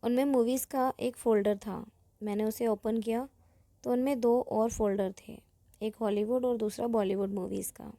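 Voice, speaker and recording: A woman's voice: a little high, steady tone, normal speed, warm tone, no room sound, clean studio sound. A woman narrating a story in the first person, in a plain conversational storytelling way.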